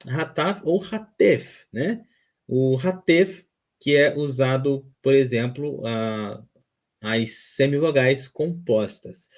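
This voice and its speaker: A man at a medium pitch, speaking very slowly. He explains step by step like a patient teacher, repeating each term and checking in with his listeners. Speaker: Hebrew teacher. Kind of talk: online grammar lesson.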